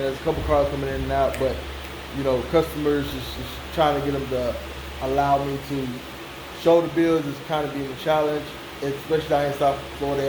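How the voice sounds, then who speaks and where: An American man hosting a car-build vlog in an informal, conversational way, often checking in with the listener. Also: mid-range voice. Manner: informal, repeats "you know what I'm saying". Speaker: car-build channel host. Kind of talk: casual vlog walkaround. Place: hot car workshop with fan running. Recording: clear fan noise behind the voice.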